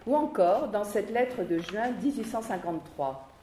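A woman lectures on literature in a measured, explanatory way, her voice warm and mellow. The room is roomy and a faint hum of ambience sits behind her. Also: mid-range voice, animated. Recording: roomy with faint background noise.

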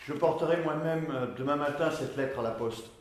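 Brief: male letter reader, sober, a bit high, very echoey room. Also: fairly quick. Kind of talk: reading a letter aloud.

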